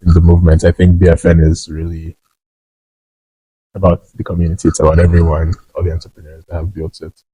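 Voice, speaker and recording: A young man from Nigeria, a founder guest in an interview, speaking modestly and relaxed, with many fillers. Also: deep voice, fast talker, husky, no echo, poor audio. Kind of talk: casual interview chat.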